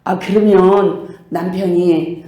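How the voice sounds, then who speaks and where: A woman pastor giving a sermon, telling stories with lively, acted-out quotes. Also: fairly low pitch, takes it slowly, roomy sound. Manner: animated storytelling, acting out quoted voices. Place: church sanctuary.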